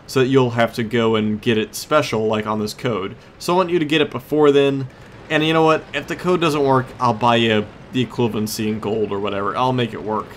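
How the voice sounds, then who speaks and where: This gaming series host has a medium-pitched voice, captured with a little hiss or hum. His gameplay commentary is casual and meandering, and he keeps losing his train of thought.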